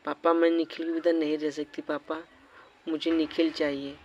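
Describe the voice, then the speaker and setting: A man voicing a tearful young woman in love in a doll cartoon, raising his pitch. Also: little pitch movement, moderate pace, lo-fi sound. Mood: pleading. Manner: pleading, tearful.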